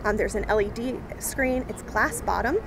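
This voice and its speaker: A woman's voice: fairly high pitch, moderate pace. Upbeat young woman doing a promo interview outside, lots of ums, noisy outdoor plaza. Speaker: marketing director interviewed as guest. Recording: outdoor noise behind the voice.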